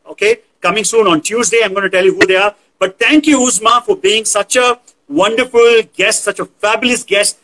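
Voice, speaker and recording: A man's voice: high-pitched, sharp tone, rough recording. A man with an Indian accent casually hosting an online talk show, effusive and fond of repeating words for emphasis.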